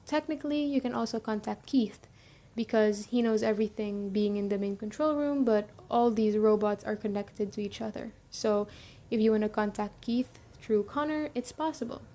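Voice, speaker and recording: A woman lends her warm mid-range voice, lightly acted, to a young leader of a zombie-apocalypse camp in a roleplay audio piece. Businesslike and helpful, she fills the listener in conversationally, with hesitant pauses.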